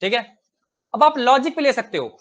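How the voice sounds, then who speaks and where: A man's voice: extremely high pitch, expressive, a little fast, a bit bright. A man teaching a live online maths class, chatty and coaxing, who keeps quizzing his students with rhetorical questions.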